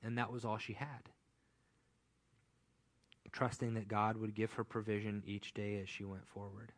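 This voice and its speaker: A man preaching a sermon as pastor, telling stories in a conversational, animated way. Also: lowish voice, measured pace.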